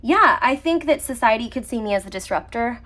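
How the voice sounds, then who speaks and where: A woman talks through a tarot reading about herself in a relaxed, confiding way. She laughs often and pauses to rethink her words, so her sentences trail off and restart. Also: a little high. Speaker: tarot reader. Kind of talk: casual personal tarot reading.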